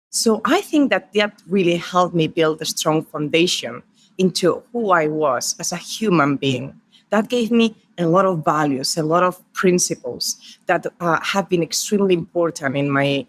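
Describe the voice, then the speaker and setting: A middle-aged woman with a Spanish accent talks as a podcast guest. She tells her stories warmly and lays out her points one by one. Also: sits low. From Spain. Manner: warm storytelling, counts off her points. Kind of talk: podcast interview.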